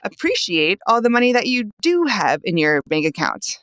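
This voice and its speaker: A woman's voice: mid-range voice, very animated, moderate pace, fairly bright tone, no room sound, poor audio. A young adult woman hosting a solo podcast as a life coach, talking in an upbeat, emphatic coaching tone into a close mic.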